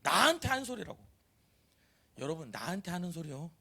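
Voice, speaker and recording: A man preaching a sermon in a church, animated and teasing, acting out quoted voices. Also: high-pitched, fairly quick, gravelly. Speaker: pastor. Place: church sanctuary.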